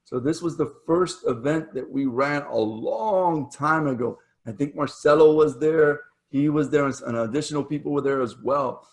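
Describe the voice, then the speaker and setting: A man's voice: on the high side, moderate pace, hardly any pauses. A man hosting a casual online meetup over a video call. He talks in a chatty, rambling way, full of fillers and restarts. His voice is wearing thin from talking all day. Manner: chatty, with fillers and self-corrections. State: losing his voice. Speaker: meetup host.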